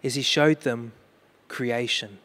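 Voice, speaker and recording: A man's voice: medium pitch, fairly even intonation, slow pace, sharp tone. A man preaching a sermon as pastor, earnest, mixing questions to the congregation with personal storytelling about grief.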